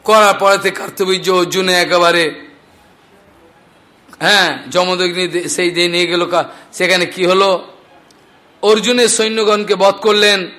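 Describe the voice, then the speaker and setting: A man telling scripture stories as a devotional preacher, animated and acting out the characters' speech. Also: high-pitched, unhurried, long pauses. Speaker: Bhagavata storyteller preacher.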